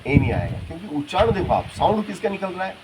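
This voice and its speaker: A male teacher giving a grammar lesson in a classroom, repeating words slowly and checking with his students. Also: high-pitched, big pitch swings. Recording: noisy classroom recording.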